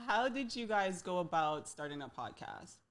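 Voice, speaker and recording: A woman hosting a podcast, upbeat and laughing often as she fires off quick questions. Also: on the low side, sing-song. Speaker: podcast host. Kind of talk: casual interview chat.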